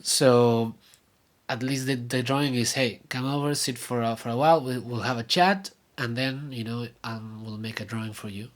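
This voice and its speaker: A young Argentine vlogger and podcaster, a native Spanish speaker with an Argentine accent, gives a casual video update. His medium-pitched voice stays steady while he rambles and halts, full of fillers and restarts.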